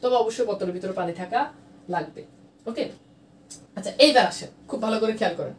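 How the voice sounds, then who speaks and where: A woman's voice: mid-range voice, fast. A woman teaching a grammar lesson in a live online class, repeating each point and quizzing her students. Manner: repetitive, drilling questions to students. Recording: echoey room, distant mic, faint noise.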